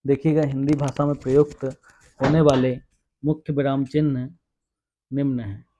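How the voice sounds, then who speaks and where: A man's voice: mid-range voice, level tone, normal speed, noisy background. A man teaching a Hindi grammar coaching class, explaining step by step and reading out examples. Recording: dull lo-fi sound.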